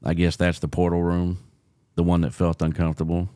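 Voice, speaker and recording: A man with a deep, smooth, mellow voice chats in a folksy, conversational way. He co-hosts a casual podcast and repeats his words as he thinks aloud, recorded dry and close. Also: completely flat delivery, fairly quick, dry recording. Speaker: podcast co-host, paranormal investigator. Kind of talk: casual chat.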